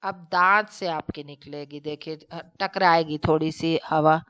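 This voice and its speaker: Slow, patient woman teacher. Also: low-pitched, steady tone, a bit bright, dry recording, highs cut off. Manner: slow, explaining step by step with examples; addresses students directly, checks with "theek hai". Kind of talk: recorded online class lesson.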